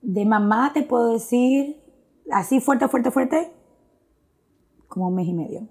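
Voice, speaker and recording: A slightly high, somewhat mellow female voice moves at a measured pace with expressive inflection. The guest relates her faith testimony earnestly and reflectively, switching between Spanish and English phrases, with frequent fillers throughout.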